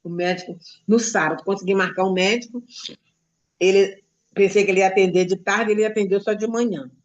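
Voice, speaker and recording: A woman's voice: mid-range voice, steady tone, brisk, lo-fi sound. A woman from Brazil, a deaconess, telling a personal testimony to a church congregation, retelling conversations in an emotional storytelling way. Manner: emotional storytelling, quotes others' dialogue.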